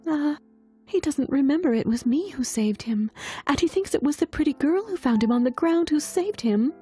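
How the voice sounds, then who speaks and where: A woman's voice: high voice, lively intonation, normal speed, mellow, soft background music, voice pushed up. A woman voicing a lovelorn, innocent young mermaid in a fairy tale, with a wistful delivery. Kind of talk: fairy tale audiobook dialogue.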